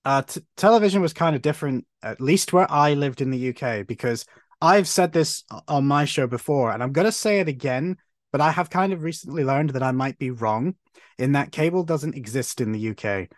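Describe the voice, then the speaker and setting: A man in his 30s from Cornwall, England, eagerly tells stories as a podcast guest in casual conversation. His mid-range voice moves a little fast, and his animated storytelling is full of restarts. The studio-quality recording has no room sound.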